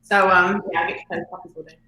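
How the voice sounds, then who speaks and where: Bright, upbeat Kiwi woman, very echoey room. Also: lowish voice, flat delivery, rapid-fire. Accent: New Zealand. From New Zealand. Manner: chippy, upbeat, giggly. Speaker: livestream guest. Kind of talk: casual chat. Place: empty room under renovation, indoors. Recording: echoey empty room, faint noise.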